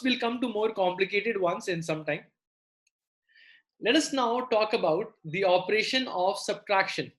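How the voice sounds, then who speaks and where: Female maths teacher, South Indian accent, live online class, explanatory, repeats key phrases, prompts students. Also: mid-range voice.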